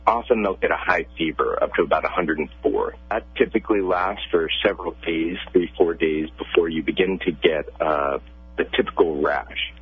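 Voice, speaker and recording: A pediatrician, a man, calmly explaining medical questions as a guest on a radio interview, heard over a phone line. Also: low-pitched, moderate pace, slightly rough, no echo.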